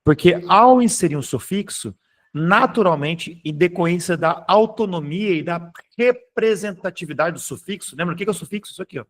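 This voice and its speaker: A man with a Brazilian Portuguese accent teaches grammar in a live online class. His voice sits a touch high, and his delivery is informal and patient. He keeps pausing to check that students are following. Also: expressive. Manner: explanatory, keeps checking in with "tá?" and "beleza?"; informal, occasionally swears.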